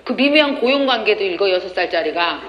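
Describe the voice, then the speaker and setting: A woman giving a lively lecture, telling stories and acting out quoted dialogue with frequent laughter. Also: mid-range voice, fast talker. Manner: animated, acts out quoted dialogue, laughs often. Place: lecture hall. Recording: echoey hall with faint noise.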